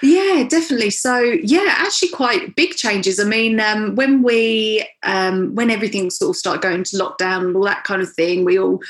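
A woman with an Essex accent talking casually as an interview guest, chatty and informal, quick to laugh. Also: mid-range voice. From Essex, England. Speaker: magazine editor, podcast guest.

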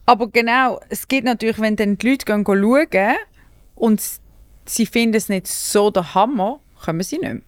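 A woman with a Swiss German accent, a stand-up comedian hosting a casual podcast chat, talking in an animated way and laughing often. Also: mid-range voice, normal speed, no room sound. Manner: chatty, animated, laughs often, loses her thread.

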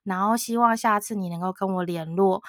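A woman from Taiwan, co-hosting a podcast and telling a story in a lively way, often laughing and acting out what others said. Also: medium pitch, a little fast, no echo, clean studio sound. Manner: animated storytelling, frequent laughter, quotes others. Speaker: podcast co-host. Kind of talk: casual storytelling chat.

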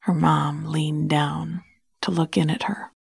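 A woman narrating a bedtime story in a soft, hushed, soothing whisper close to the mic. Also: sits low, flat delivery, slow, gravelly, husky, dry recording.

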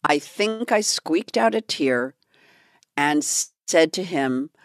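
A woman's voice: sits low, slow, no room sound, studio quality. A woman from California co-hosting a podcast, telling a story in casual chat and acting out the people in it. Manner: animated storyteller who acts out quotes. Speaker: podcast co-host.

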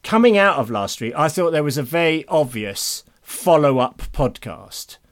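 A man's voice: fairly high pitch, big pitch swings, moderate pace. A man with a British accent chatting casually and jokily as a podcast co-host, often ready with a chuckle. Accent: British English.

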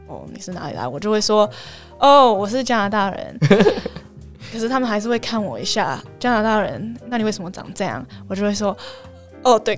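Brief: young woman from Canada, podcast guest, casual and animated, acts out quotes, laughs easily. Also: medium pitch. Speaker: podcast guest, graduate student. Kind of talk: casual chat.

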